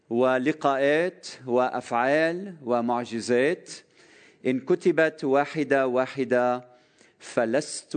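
A man preaching a sermon in a Lebanese Arabic accent, fervent, moving between soft low phrases and raised cries.

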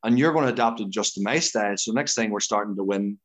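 A man's voice: lowish voice, fast. A man with an Irish accent talking casually as an interview guest, stressing and repeating words as he builds his point. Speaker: podcast guest, competitive dancer.

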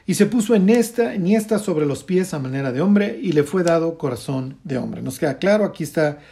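Male Bible teacher, raised pitch, warm mellow tone, explains scripture in a conversational way with frequent check-ins. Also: animated, a little fast, vocal fry. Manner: keeps checking in with a questioning "ok?"; explains scripture, then comments on it pointedly.

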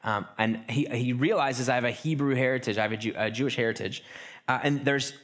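A male pastor preaches at a medium pitch, keeping the sermon loose and conversational. He tends to begin phrases over and breaks into short acted asides.

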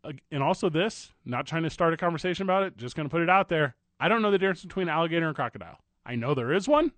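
A man's voice: on the high side, animated, racing, fairly bright tone, no echo. A man from St. Louis co-hosting a radio show, chatting casually in a playful, rambling, slangy way. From St. Louis, USA. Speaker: radio co-host.

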